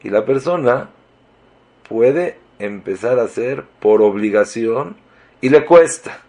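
Animated man giving a religious talk. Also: medium pitch, slow pace. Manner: animated, swings between loud emphasis and soft asides; uses Hebrew religious terms.

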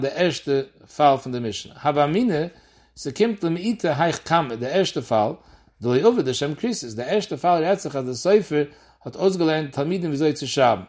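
A man giving a Talmud lesson, explaining the text in a quick, lively sing-song study chant. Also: fairly high pitch. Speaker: Talmud teacher.

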